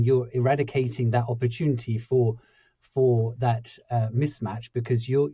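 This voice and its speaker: In a conversational interview, a male podcast host thinks aloud in a rambling way, full of restarts and fillers. His mid-range voice sounds mellow, and the audio is dull, dry, and lo-fi.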